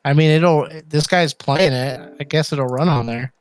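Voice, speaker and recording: A man's voice: on the high side, measured pace, clear, resonant tone. A man co-hosting a casual gaming livestream on a headset, easygoing and agreeable. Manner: easygoing, agreeable, chuckles often. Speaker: podcast co-host.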